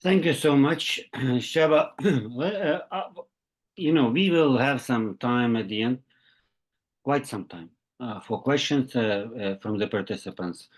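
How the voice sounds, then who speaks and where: A man in his forties hosts the questions on a video call, pausing often and filling the gaps with small hesitations. He speaks from a room at home through his laptop webcam. His voice sits at an ordinary male pitch. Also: expressive. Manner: halting, with many fillers. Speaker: webinar moderator. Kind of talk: moderating questions. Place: home room with bookshelves, indoors.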